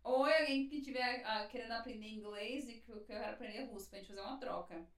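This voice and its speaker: A Brazilian woman sharing a personal story in a casual podcast chat, lively and laughing often. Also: a little high, fast talker. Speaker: podcast guest. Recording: roomy, distant mic.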